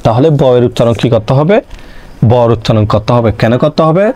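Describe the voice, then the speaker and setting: A man's voice: medium pitch, expressive, quick pace, darkish tone. A young man tutoring online, explaining a grammar lesson step by step and answering his own questions. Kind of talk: exam-prep grammar lesson.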